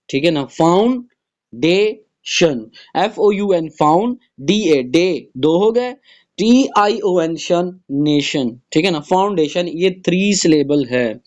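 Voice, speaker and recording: A man's voice: on the high side, darkish tone. A male English teacher, explaining a textbook exercise, spelling words letter by letter and asking and answering his own questions. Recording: dull lo-fi recording.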